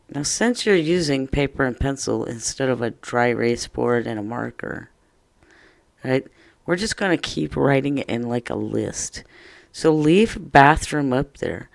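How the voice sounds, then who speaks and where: A man teaching an online first grade phonics lesson, sounding out words slowly and cheering children on. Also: mid-range voice, creaky, dry recording.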